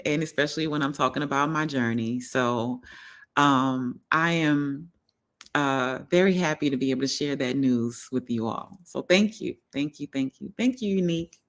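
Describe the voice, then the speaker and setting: This voice belongs to a holistic health coach who hosts a relaxed live stream. The talk is earnest and encouraging, full of "you know" fillers, and key phrases get repeated for emphasis. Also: mid-range voice.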